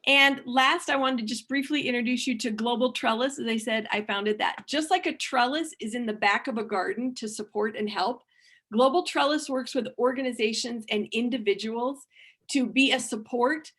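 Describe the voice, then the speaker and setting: A woman's voice: fairly high pitch, normal speed, a bit bright. A woman giving a workshop presentation, earnest and thinking aloud, with frequent restarts and repeated words. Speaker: conference speaker.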